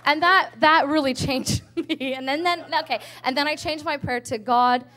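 A woman, an evangelist's wife, telling her personal testimony with animated storytelling, laughing often and acting out her prayers. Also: sits high, moderate pace.

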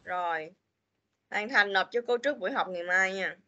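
A woman's voice: medium pitch, normal speed, pushed and bright, dull audio. A woman teaching an online English class to children over a video call, chatty and repeating little fillers. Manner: chatty, repeats "rồi", mixes English words into Vietnamese.

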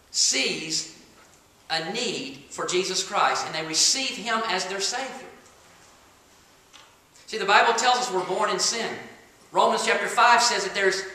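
A man's voice: sits high, pushed and bright. A man preaching a sermon as pastor of a church, dramatic and acting out the voices he quotes. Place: church sanctuary. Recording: echoey church room.

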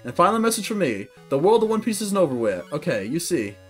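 A young male let's-play host, a native English speaker, talks fast in a higher voice from a desk in an indoor room. He's excitable and cheers loudly when he wins, with soft music in the background.

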